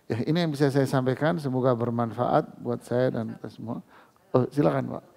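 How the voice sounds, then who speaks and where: Gravelly-voiced male Islamic preacher. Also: mid-range voice, brisk, darkish tone. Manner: conversational, acts out dialogues, laughs often. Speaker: ustadz giving a Quran lesson. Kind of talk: casual mosque sermon. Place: mosque.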